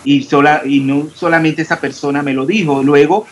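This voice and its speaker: Under a faint hiss, a chemistry teacher from Panama questions his online students and fixes their answers at a normal pace. He pronounces every s and every consonant with care, his voice sitting a bit high for a man.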